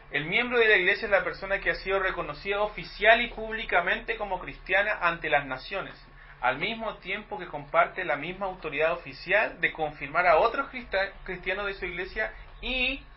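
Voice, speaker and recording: A man's voice: high-pitched, dull audio, a little hiss or hum. A Chilean man preaching a sermon in a conversational teaching manner, asking the congregation rhetorical questions. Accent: Chilean Spanish. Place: church hall.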